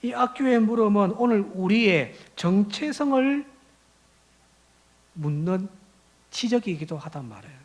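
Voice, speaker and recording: High, lively-voiced man preaching a sermon. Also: a little slow, long pauses. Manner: emphatic preaching with rhetorical questions; swings between soft asides and loud rising exhortation. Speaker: pastor. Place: church sanctuary.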